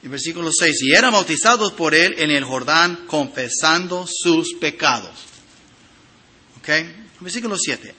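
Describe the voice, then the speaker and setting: A man preaching a sermon, reading scripture aloud and addressing the congregation directly with emphatic swings of loudness. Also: sits high, breathy edge. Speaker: pastor.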